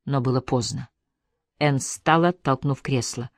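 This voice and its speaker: An audiobook reader telling a novel in a steady, even voice of middle pitch. The sound is dry and close, with no room around it. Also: a little slow, dry recording. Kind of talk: scripted narration of a novel.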